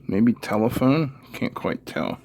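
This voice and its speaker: A middle-aged man hosts an electronics teardown video, his fairly low, gravelly voice very animated yet slow. He narrates the hands-on work casually and unscripted, muttering to himself, in a noisy room recording with clicks.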